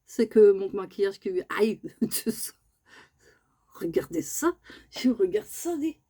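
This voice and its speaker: A woman's voice: medium pitch, lively intonation, slow, dark tone. A woman, chatting casually in a home vlog and often cooing at her pet bird in a raised sing-song voice. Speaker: vlogger.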